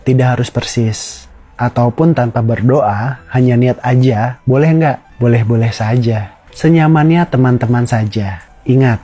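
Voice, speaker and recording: A man with an Indonesian accent giving a guided meditation lesson in a calm, soothing, instructional manner like a yoga teacher. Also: medium pitch, a little slow, breathy edge, soft background music. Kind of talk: guided meditation tutorial for beginners.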